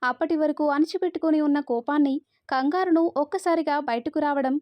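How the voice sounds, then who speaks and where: A woman narrating a story in a steady, expressive reading voice. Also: sits high, brisk, no echo, lo-fi sound.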